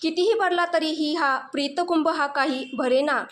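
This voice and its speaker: A woman narrating a romantic story in an emotional, expressive way. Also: high-pitched, normal speed, a little hiss or hum.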